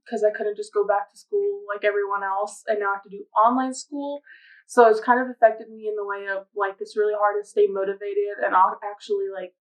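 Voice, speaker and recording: A woman's voice: medium pitch, muffled recording. Hesitant teenage girl. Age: teens. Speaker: interviewee. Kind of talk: casual interview answers.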